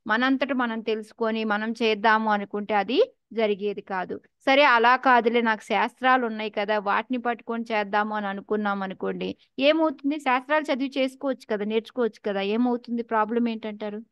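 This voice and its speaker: Brief: Telugu-accented woman, fairly high voice, leads a scripture class, quizzes her students, dull dry lo-fi sound. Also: clear, resonant tone, no room sound. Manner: asks the class questions, mixes in English words. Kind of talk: conversational scripture teaching.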